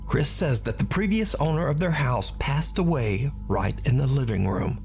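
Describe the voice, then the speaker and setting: Man, scripted narration, lively ominous delivery, clear music underneath. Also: mid-range voice, normal speed. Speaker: narrator of a paranormal compilation.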